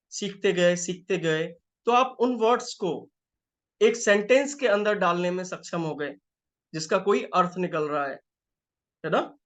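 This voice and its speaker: High-voiced man coaching a live group. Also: fairly bright tone. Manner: conversational teaching, repeats phrases and checks in with the audience. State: feeling unwell. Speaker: life and wellness coach.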